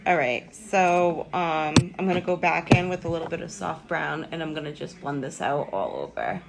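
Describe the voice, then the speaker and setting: A woman's voice: low-pitched, expressive, moderate pace, vocal fry, heavy background noise. A young woman hosting a live makeup tutorial from home, rambling and self-deprecating as she chats with viewers. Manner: rambling, self-deprecating, lots of ums and likes.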